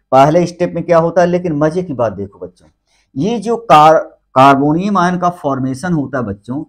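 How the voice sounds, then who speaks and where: A man teaching a chemistry class in Hindi with English terms mixed in, often addressing the students as children and answering his own questions. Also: a little high. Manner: keeps calling the students "बच्चों"; repeats key terms with rising and falling emphasis. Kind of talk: classroom lecture.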